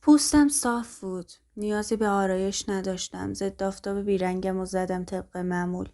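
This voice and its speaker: A woman narrating a first-person story aloud in a calm, even, scripted way. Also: mid-range voice.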